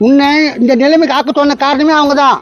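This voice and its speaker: A woman dubbing a scheming older father-in-law who wheedles and flatters in a comic fan dub. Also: sits high, fast talker, muffled recording, soft background music, natural voice. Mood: wheedling.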